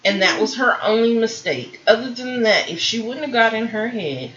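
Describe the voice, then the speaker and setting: A woman reviews a TV episode in relaxed banter, throwing in sassy, joking asides. Her voice is bright and swings widely in pitch. The sound is roomy and a bit dull. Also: normal speed, a little hiss or hum. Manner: sassy, expressive, jokey asides. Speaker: co-host reviewing a TV competition show. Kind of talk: casual review chat. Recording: dull, roomy home recording.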